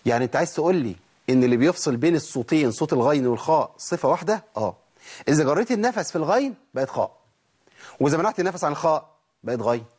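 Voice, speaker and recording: A man with an Egyptian Arabic accent teaching Quran recitation, asking himself questions and answering them, and reciting examples slowly. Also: a little high, expressive, a little mellow, husky. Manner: slow, drawn-out recitation for examples. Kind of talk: explanatory tajweed lesson.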